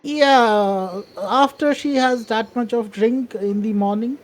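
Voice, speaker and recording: A woman's voice: a little high, takes it slowly. Blunt pirate woman, put on by a woman game master. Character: blunt female pirate crew member.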